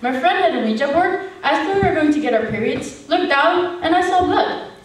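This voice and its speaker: A young woman performing a stage monologue, telling her story with lively delivery. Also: high voice, moderate pace. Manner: lively storytelling, switching into quoted voices. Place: stage in a hall. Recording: echoey hall from far off, faint noise.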